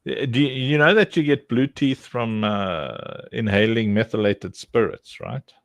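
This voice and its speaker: A man's voice: mid-range voice, a little slow, creaky, no echo, studio quality. A man hosting a casual livestream chat, joking and teasing his guests and coaching them to repeat words. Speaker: livestream host.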